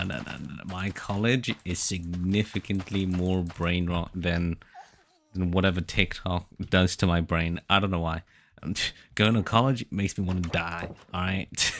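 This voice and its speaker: A man of about 21 with a low-pitched, slightly bright voice chats casually with his live-stream viewers while playing. He rambles, jokes, and pokes fun at himself, and there's a little hiss or hum in the audio.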